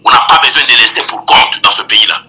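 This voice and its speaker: A man's voice: medium pitch, fast talker, pushed and bright. An older man gives impassioned political commentary over the phone, emphatic and stammering through restarts. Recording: tinny phone line.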